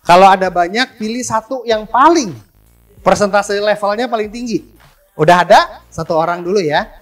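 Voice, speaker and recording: A man's voice: high-pitched, a bit bright. A man, teaching a live persuasion seminar, quizzing and joking with the room. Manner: coaching, quizzing the audience, joking. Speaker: persuasion trainer.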